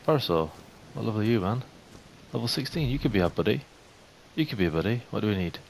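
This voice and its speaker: A young man giving casual game commentary, chatting to the animals in the game and getting jumpy and excitable. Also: fairly low pitch, fast talker, vocal fry. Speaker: gaming YouTuber. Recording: faint hiss.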